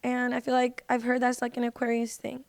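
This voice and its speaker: A woman appears as a guest on a podcast, chatting casually and informally and saying "like" and "you know" a lot. She's a singer and social media personality. Her voice is fairly high, monotone, a little fast, and gravelly.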